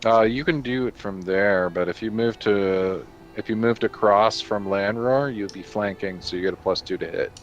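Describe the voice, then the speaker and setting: A man's voice: lowish voice, moderate pace, few pauses, dull audio. A man acting as game master, patiently explaining the rules and narrating the fight with vivid flair. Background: soft background music.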